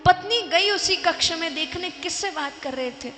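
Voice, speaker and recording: High-voiced woman storyteller in a hall. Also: moderate pace. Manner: animated storytelling, acts out voices. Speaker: devotional storyteller. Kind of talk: religious discourse storytelling. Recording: echoey hall with long reverb.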